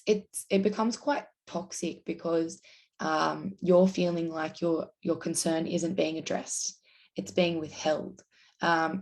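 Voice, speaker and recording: A young woman talks straight to her viewers in a casual, explaining way. Her voice sits a little low. She drops into short acted voices for the people she quotes. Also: vocal fry, darkish tone. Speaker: self-help video host. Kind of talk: explaining to camera.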